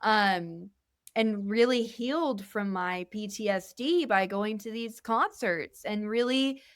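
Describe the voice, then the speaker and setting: A woman's voice: mid-range voice, slow, clear, resonant tone, no room sound, studio quality. A young adult woman talking as a guest musician in a casual podcast interview. She speaks candidly and earnestly, rambling with many fillers. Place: indoor podcast studio.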